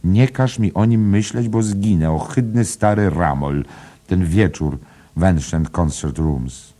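A man's voice: deep voice, expressive, moderate pace, warm tone, voice pushed up. A man voicing a squeamish young barmaid who begs not to hear more, in an audiobook reading. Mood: pleading. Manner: pleading, squealing. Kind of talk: audiobook character voice.

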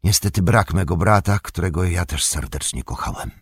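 A man's voice: low-pitched, animated, moderate pace, breathy edge, no echo, clean studio sound, exaggerated voice. A man voicing a weary, dutiful young captain in an audiobook, tired and sighing. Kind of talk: audiobook reading.

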